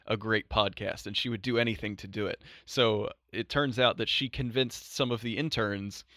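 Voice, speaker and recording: A man's voice: on the low side, fairly even intonation, moderate pace, bright, forceful tone, dry recording, clean studio sound. A man hosting a podcast in casual chat, laughing often and acting out quotes. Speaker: podcast host.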